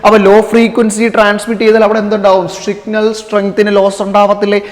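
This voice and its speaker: A man's voice: sits high, completely flat delivery, fast talker. A man teaching physics to students, asking questions and answering them himself, checking again and again that they understood and calling them children. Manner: addresses listeners affectionately as children. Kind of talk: classroom-style lecture to students. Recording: long reverberant room echo.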